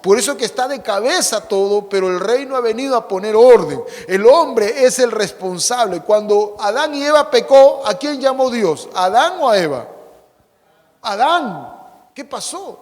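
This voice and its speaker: Male pastor, high-pitched, emphatic sermon delivery with rhetorical questions, long church reverb. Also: animated, moderate pace. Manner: preaching with rhetorical questions and call-and-response; swings between emphatic loud lines and quiet low asides. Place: church sanctuary.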